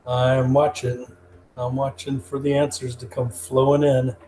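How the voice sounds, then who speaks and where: A man's voice: medium pitch, flat delivery, measured pace, warm tone. A joking, easygoing man co-hosting a live stream from his desk, his voice sounding tinny and metallic, as if inside a tin can. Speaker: co-host, trivia presenter. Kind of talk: casual live-stream chat. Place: at his desk, away from the host. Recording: echoey tin-can remote audio, faint hiss.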